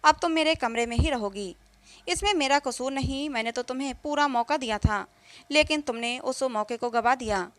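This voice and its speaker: A domineering, traditional mother-in-law voiced by a woman narrator lectures and scolds in a spoken story. Her voice is high and the sound is dry and close. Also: moderate pace, no echo, close to an everyday voice. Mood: scolding. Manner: scolding and preachy.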